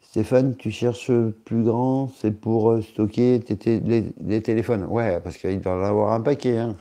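A male streamer talks loosely to his viewers, filling gaps with hesitations and teasing jokes. His voice sits low and sounds deeply warm and dark. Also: steady tone, measured pace. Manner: rambling, joking, many hesitations. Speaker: live streamer reading chat. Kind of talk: casual live-stream chat.

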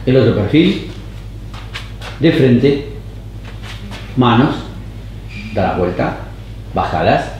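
A man directing actors on a casting tape with short, calm, even commands. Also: mid-range voice, takes it slowly, pauses often, dull audio, slight background noise. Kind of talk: giving short camera directions. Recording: roomy echoey studio.

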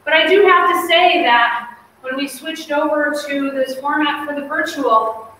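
High-pitched woman coaching in an echoey gym. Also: a little slow, bright, forceful tone. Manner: cueing while exercising, clipped encouraging commands. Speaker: fitness coach. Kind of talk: workout instruction. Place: indoor fitness studio. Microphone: far camera across the room. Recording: echoey gym from far off, noisy.

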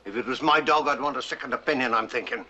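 An actor playing a sympathetic villager who speaks in a kindly, concerned way. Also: male voice, medium pitch, quick pace, pushed and bright, husky. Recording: dull old film soundtrack.

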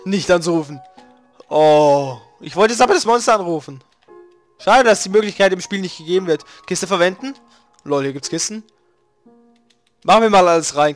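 A man hosting a let's play, reading game text aloud and making relaxed, swearing asides. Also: a little high, a little fast. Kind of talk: casual gaming commentary reading game text. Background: faint video game music.

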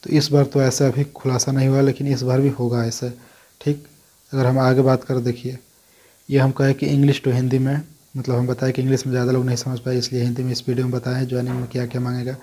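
A man's voice: medium pitch, completely flat delivery, fast, warm tone. A man hosting a casual talk in which he answers viewer questions. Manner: conversational, repeats "dekhiye" and "dosto" often. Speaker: host answering viewer comments.

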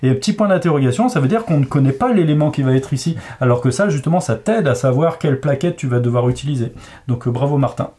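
A game designer casually explains how a logic puzzle works, patient but using frequent fillers, as if talking through a board game. His medium-pitched voice is mellow and animated, and he talks fast.

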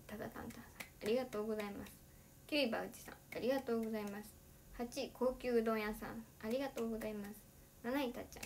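A woman's voice: on the high side, darkish tone, slight background noise. A teenage girl, an idol livestreamer, chatting casually and giggling often between sentences. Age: teens.

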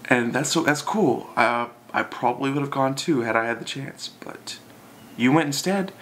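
A man's voice: mid-range voice, normal speed, a bit bright, slight background noise. A young man in casual, drunken, loosely rambling chat to a camera, as in a video message to a friend. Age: young adult. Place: small bedroom, indoors.

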